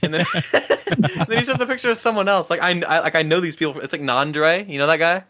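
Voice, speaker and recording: Bright-voiced young man telling rambling stories. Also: a little high, a little fast. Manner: rambling storyteller, laughs often. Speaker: podcast co-host. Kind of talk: casual chat.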